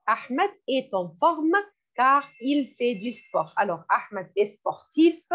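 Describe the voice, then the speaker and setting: Slow, lively woman teaching French. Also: on the high side. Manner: slow, repeats each word and glosses it in English. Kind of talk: classroom vocabulary lesson. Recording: dull lo-fi recording.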